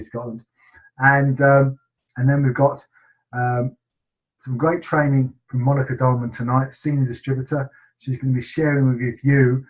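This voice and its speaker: A man's voice: mid-range voice, low-quality recording. A middle-aged man with an English accent, hosting a team sales webinar in a casual, enthusiastic way with many ums and restarts.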